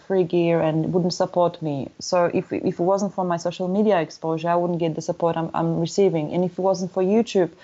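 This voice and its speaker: Polish woman talking candidly, low voice. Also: a little mellow, highs cut off. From Poland. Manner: candid, many restarts and "you know" fillers. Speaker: guest, motorcycle traveler. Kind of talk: casual interview conversation.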